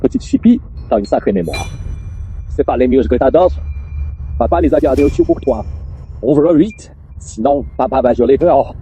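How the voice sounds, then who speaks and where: A man voicing a sly bear beast that mimics a father coaxing children, in a husky, rough voice for an animated horror drama. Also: mid-range voice, moderate pace, pauses often, exaggerated voice, low-quality recording. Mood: wheedling.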